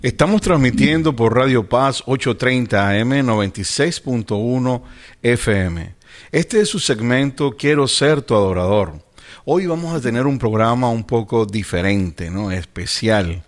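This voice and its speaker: Guy hosting a radio show, friendly, easygoing questions, middle-pitched voice. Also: expressive, normal speed. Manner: friendly, informal interviewer. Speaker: radio host. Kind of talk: radio interview.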